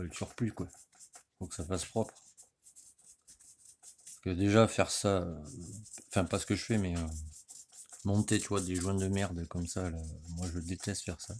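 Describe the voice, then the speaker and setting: Low-voiced rambling mechanic man. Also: a little mellow, a little hiss or hum. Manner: rambling and slangy, saying "tu vois" constantly. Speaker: motorcycle mechanic. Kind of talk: casual workshop how-to talk. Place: home workshop or garage.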